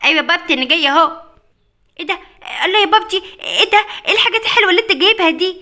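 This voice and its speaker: A spoiled little Egyptian girl, voiced by a woman, whiny and pleading in a cartoon family skit. Her high, bright voice races along very fast. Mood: delighted. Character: spoiled chatty little girl who begs for sweets.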